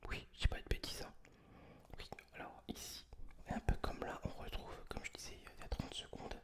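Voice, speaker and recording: A person speaking entirely in a breathy whisper, close to the mic, presenting books in a casual, informal ASMR style. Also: normal speed. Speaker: ASMR video host. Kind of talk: whispered ASMR book review, casual chat.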